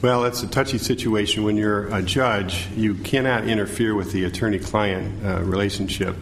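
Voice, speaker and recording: A middle-aged American man giving formal answers as a forum candidate, halting and stumbling over words. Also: fairly low pitch, fairly even intonation, creaky. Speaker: judicial candidate, city attorney. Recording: faint background noise.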